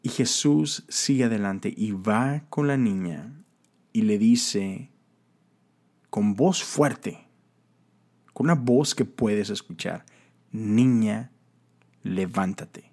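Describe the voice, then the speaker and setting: A man's voice: lowish voice, takes it slowly, long pauses, a little mellow. A man giving a casual, conversational sermon, full of fillers and emphatic exclamations. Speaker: preacher.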